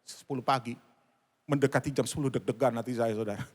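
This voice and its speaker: A middle-aged male pastor preaching a sermon, telling a story with lively quoted voices and often addressing the congregation directly. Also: mid-range voice, quick pace. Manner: animated, acts out quoted voices, frequent "saudara" address. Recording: long church hall reverb.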